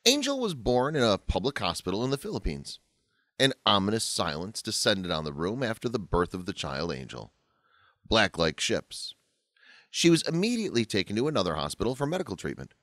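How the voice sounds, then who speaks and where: A man narrates a scripted story with a lowish voice that rises and falls a lot. The recording is close and dry, with no room sound. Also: sing-song, brisk, a bit bright, no room sound.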